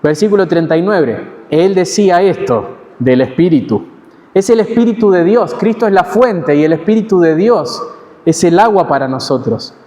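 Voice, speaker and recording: A man with an Argentine accent preaching an expository sermon in a measured, teaching way, pausing and correcting himself now and then. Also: sits high, expressive, dark tone. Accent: Argentine Spanish. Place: church hall. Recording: long church hall reverb.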